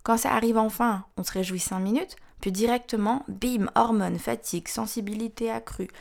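A woman's voice: on the high side, fairly even intonation, moderate pace, vocal fry, darkish tone. A woman in her thirties hosting a podcast, reading scripted narration in a frank, wry, confiding way. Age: 30s. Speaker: podcast host.

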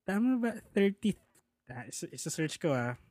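A man's voice: high voice, moderate pace, dry recording. A man casually telling a personal story, acting out the people he quotes. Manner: animated, acts out the people he quotes.

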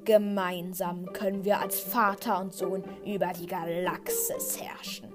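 A woman doing a slow, menacing dark lord. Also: level tone, music in the background, lightly acted. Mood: persuasive. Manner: slow, low, deliberate. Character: menacing dark lord, male, cold and commanding.

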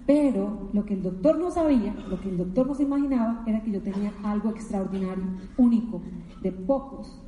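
A woman's voice: mid-range voice, fairly quick, dark tone, slight background noise. A middle-aged woman from Colombia giving an emotional, emphatic motivational talk, telling her story with many repetitions. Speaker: motivational speaker. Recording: echoey hall with long reverb.

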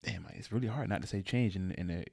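A man's voice: low voice, fast, gravelly, a little mellow, breathy edge, no echo, clean studio sound. A young man co-hosting a podcast, casually thinking aloud, searching for words and quoting his own thoughts. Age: young adult. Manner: rambling, searches for words, quotes himself. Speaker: podcast co-host. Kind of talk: casual chat.

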